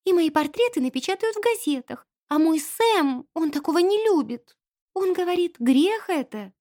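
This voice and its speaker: A woman reading an audiobook voices a timid teenage housemaid who squeaks and pleads, close to tears. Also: sing-song, slow pace, darkish tone, no room sound, exaggerated voice. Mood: frightened, tearful.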